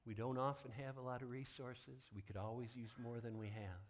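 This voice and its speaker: A male pastor gives a deliberate, emphatic sermon in a medium-pitched voice with little pitch movement. He uses dramatic pauses and hushed moments for weight, and the recording carries slight hiss or hum.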